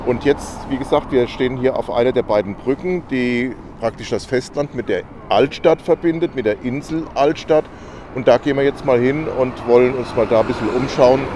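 A man's voice: mid-range voice, moderate pace. A man in his sixties chatting casually as a travel vlogger, telling stories with fillers, filmed outdoors on a selfie camera at arm's length. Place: outdoors on a harbour bridge. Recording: outdoor noise, traffic behind.

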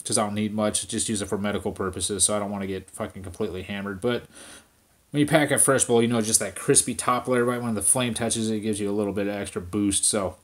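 A man's voice: on the low side, steady tone, fast. Stoned man ranting, heavy swearing. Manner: profane, rambling, addressing viewers directly. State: stoned, relaxed. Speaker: vlogger. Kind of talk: casual rant to camera.

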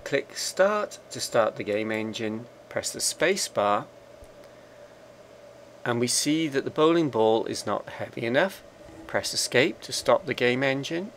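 A man narrating a software screencast tutorial, calmly giving slow step-by-step commands. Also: medium pitch, slight background noise. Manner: slow, measured, instructional commands.

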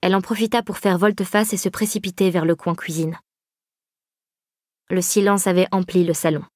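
A female audiobook narrator reads a novel aloud in a steady, measured storytelling style. Her voice sits on the low side, and the studio-quality recording has no room sound.

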